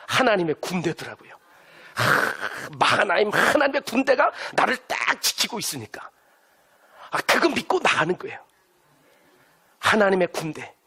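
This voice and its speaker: A man's voice: high-pitched, sharp tone, husky. A male pastor preaching a sermon with emphatic delivery, having the congregation repeat lines to their neighbors. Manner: has listeners turn and repeat lines to neighbors.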